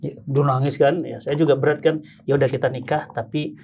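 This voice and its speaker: A man hosting a podcast, telling a personal story with lively acted-out voices. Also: mid-range voice, brisk, vocal fry, slight background noise. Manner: lively storyteller who acts out the voices of people in his tale. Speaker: podcast host. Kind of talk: casual chat, animated storytelling.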